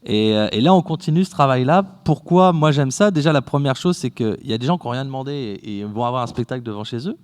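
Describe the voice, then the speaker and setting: A man speaks in an enthusiastic, warm-hearted way as a guest in a casual interview. He often restarts his sentences. His pitch is mid-range. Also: animated, fast talker, hardly any pauses. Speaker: theatre company guest.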